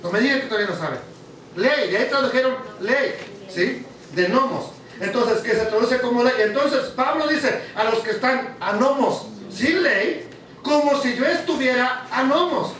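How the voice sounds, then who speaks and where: A preacher with a very high-pitched, fairly bright voice teaches a sermon to his congregation and often puts questions to the audience. He is recorded from a distance in a very echoey hall.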